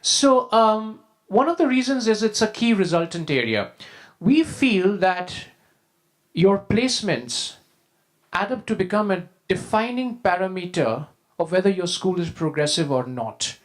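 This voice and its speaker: A man with an Indian accent giving a prepared talk as a school leader, in a formal, measured and emphatic way. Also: high-pitched, expressive. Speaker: school deputy head, conference speaker. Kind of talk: prepared presentation to an audience.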